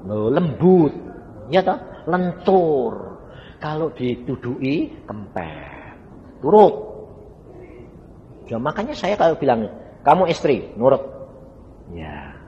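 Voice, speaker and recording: A man's voice: a little high, big pitch swings, takes it slowly, long pauses, dark tone, highs cut off. A male evangelist, preaching a sermon and telling a story, often asking the congregation questions. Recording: reverberant hall with faint background noise.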